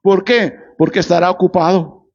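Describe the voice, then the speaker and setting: A man's voice: high-pitched, fairly even intonation, normal speed, dull audio. A man preaching a sermon as pastor, posing rhetorical questions and answering them himself, and calling on the congregation for amens.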